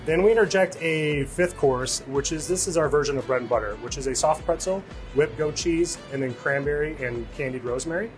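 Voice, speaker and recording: A middle-aged chef from Illinois talks through a tasting menu in a casual, halting way, filling pauses with "uh". His voice sits a little high for a man. He is recorded on a lapel mic in a restaurant kitchen, with faint music underneath. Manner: casual, listing with many fillers. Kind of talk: interview, describing dishes.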